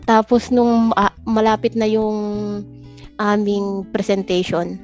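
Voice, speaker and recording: A young woman from the Philippines chats casually as a podcast guest, spinning anecdotes and breaking into laughter as she goes. Her voice sits at a middle pitch. The audio is a bit dull and lo-fi, with faint music underneath. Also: fairly even intonation, slow, a little mellow. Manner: chatty storyteller, laughs often mid-sentence. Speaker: guest architect.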